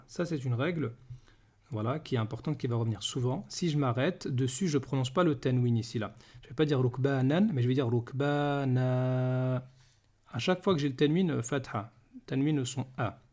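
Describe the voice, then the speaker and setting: Teaching beginners to read, this man speaks at a fairly high pitch with a darkish tone. Each word gets slow, patient repetition, and he checks comprehension with frequent questions.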